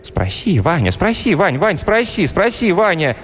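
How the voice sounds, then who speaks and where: A man's voice: high voice, wildly swooping pitch, measured pace, a bit bright, in a large hall, pitched above the performer's own voice, exaggerated voice. A man doing a whiny, capricious young princess. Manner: whiny, pleading.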